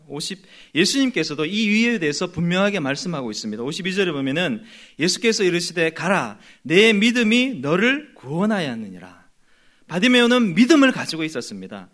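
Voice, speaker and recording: A man preaching a sermon, lively and animated, sometimes acting out voices from the story. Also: fairly high pitch, fast talker. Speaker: pastor.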